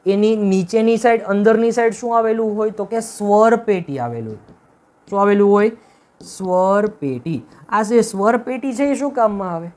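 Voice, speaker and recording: A man's voice: high-pitched, lively intonation, moderate pace, darkish tone. A male teacher gives a classroom-style video lesson. He keeps asking questions and answering them himself, and often checks with "right?". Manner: repetitive, emphatic, checks with "right?".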